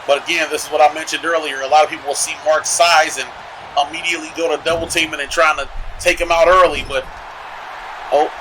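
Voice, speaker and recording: A man's voice: on the high side, fairly even intonation, quick pace, noisy background. A man giving color commentary on a wrestling match, analysing the strategy and the injuries as the action plays out. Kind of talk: live sports commentary.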